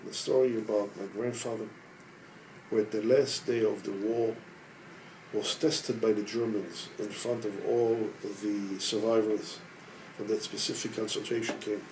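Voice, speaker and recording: A man in his sixties from Israel, an organization head telling his personal story in a measured, hesitant way with frequent pauses. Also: lowish voice, fairly even intonation, a little mellow, a little hiss or hum, rough recording. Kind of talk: personal testimony.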